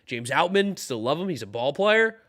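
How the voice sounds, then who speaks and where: His slightly high, fairly bright voice is very animated and keeps a moderate pace. Hosting a daily live baseball stream, he sounds tired as he rambles loosely, reading chat questions aloud and answering them.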